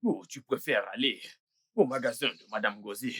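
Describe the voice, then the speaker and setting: A man's voice: mid-range voice, moderate pace, bright, forceful tone, breathy edge. An actor playing a greedy man who plots a boy's death, boastful and gloating in a dubbed film. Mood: scheming. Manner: gloating, boastful, laughs at his own schemes.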